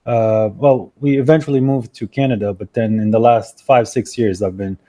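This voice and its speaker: A man from Syria calling in to a debate show, speaking in a measured, hesitant way with frequent fillers. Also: fairly low pitch, steady tone, warm tone. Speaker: caller, debate guest. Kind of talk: casual debate.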